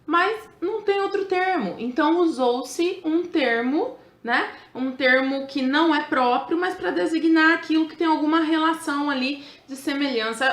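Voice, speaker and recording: A woman's voice: high-pitched, a bit bright, reverberant. A middle-aged woman teaching a chatty grammar lesson, playful and joking, checking in with her students all the time. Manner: playful, asks the class constantly and jokes aside.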